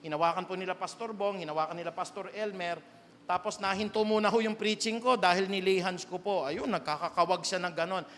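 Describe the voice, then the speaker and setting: A man with a Filipino accent, preaching a sermon as pastor, swinging from quiet storytelling to loud emphatic calls. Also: sits high, steady tone, a little fast, big-room sound, a little hiss or hum. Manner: preaches in Tagalog with English phrases, rising to loud emphatic calls. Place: church sanctuary.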